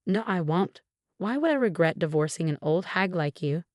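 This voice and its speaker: A woman voicing a smug, scheming husband in his fifties in a narrated story, mocking and later yelling in panic. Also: lowish voice, animated, moderate pace, no echo, clean studio sound, lightly acted.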